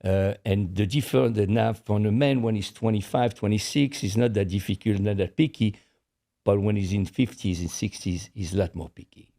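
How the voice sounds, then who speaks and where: An older Frenchman with a French accent co-hosts a podcast, chatting frankly and repeating words while he searches for the English. His voice is fairly low, mellow, and moderately paced.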